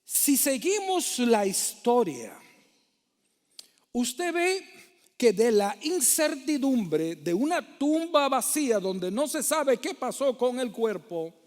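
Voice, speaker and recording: A man's voice: very high-pitched, very animated, slow, a little mellow. A man preaching a sermon as pastor, asking rhetorical questions and calling listeners brother. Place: church hall. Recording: long hall reverb.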